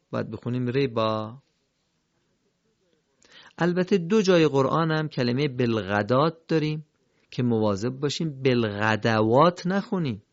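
Gravelly man teaching Quran reading. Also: mid-range voice, no room sound, muffled recording. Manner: patient, repeats question-and-answer drills. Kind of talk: instructional lesson.

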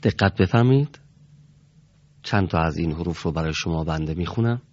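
This low, slightly mellow male voice belongs to a man teaching a Quran reading class, captured on a muffled recording. Patient and formally polite, he gives classroom instruction by saying letter sounds for his students to repeat.

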